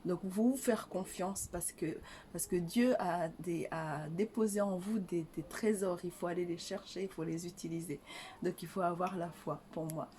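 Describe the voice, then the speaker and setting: A woman's voice: fairly low pitch, moderate pace, dark tone, a little hiss or hum. An older woman from Rwanda, an author answering interview questions in a hesitant way, full of fillers and restarts. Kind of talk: casual interview.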